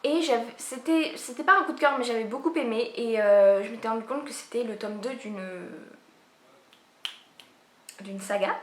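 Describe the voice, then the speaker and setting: A woman's voice: a little high, moderate pace, slight background noise. A woman book vlogger chatting casually about upcoming releases, rambling with many fillers and restarts. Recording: echoey room.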